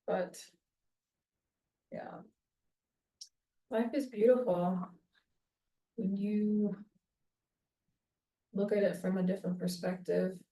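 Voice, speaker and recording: A small-business vlogger in her thirties does her hair in her home bathroom, chatting in a meandering, self-deprecating way as she thinks out loud. Her medium-pitched voice is slow and fairly even, with long pauses, and it sounds echoey and far from the mic.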